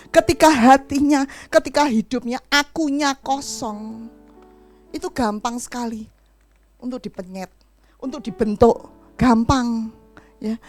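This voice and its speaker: A middle-aged woman with a voice on the high side preaches a sermon, telling stories animatedly and acting out the voices of the people in them.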